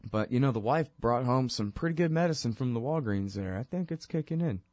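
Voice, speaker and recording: Congested from a cold, this podcast host delivers a rambling, sarcastic solo monologue on his talk show. He speaks at a normal speed in an animated, medium-pitched voice with a darkish tone, recorded cleanly in a studio with no echo.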